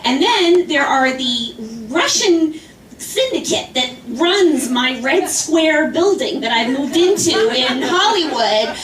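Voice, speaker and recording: A woman does a stand-up set on a small club or class showcase stage, chattily telling a rambling, exasperated story and voicing its characters. Her high, fairly bright voice moves slowly with big pitch swings, captured by a distant mic in a roomy space with faint ambience.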